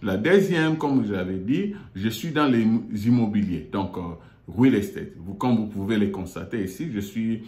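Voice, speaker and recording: A man from Congo hosting his own online show, talking haltingly with many fillers and repeated words from a meeting room in an office. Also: fairly low pitch, animated, darkish tone. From Democratic Republic of the Congo. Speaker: YouTube show host. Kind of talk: hesitant monologue. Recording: echoey room.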